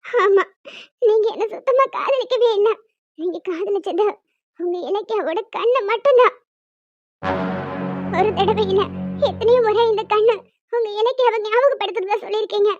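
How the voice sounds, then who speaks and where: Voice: very high voice, normal speed, long pauses, no echo, faint music behind. A performer voicing a hurt, angry young pregnant wife in a homemade cartoon, talking bitterly and reproachfully. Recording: dry, dull lo-fi sound.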